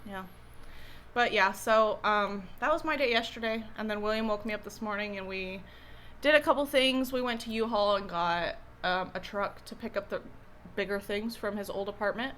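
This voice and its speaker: A woman's voice: mid-range voice, normal speed, a bit bright, slight background noise. A young woman co-hosting an eating vlog, chatting casually in a rambling, hesitant way full of fillers and restarts. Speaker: co-host. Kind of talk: casual chat while eating.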